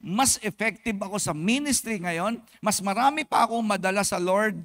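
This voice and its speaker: Filipino pastor guy, kinda high voice, lively preaching, switches to english a lot. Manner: animated preaching mixing Tagalog and English, acts out quick comic exchanges. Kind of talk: sermon. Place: church service.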